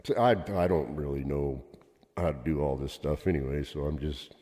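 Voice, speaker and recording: A man's voice: extremely low pitch, steady tone, moderate pace, warm tone. A man co-hosting a casual chat, telling a story in a chatty, exasperated way, his voice ringing with cave-like reverb. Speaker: co-host. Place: underground bunker room. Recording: long cavelike reverb.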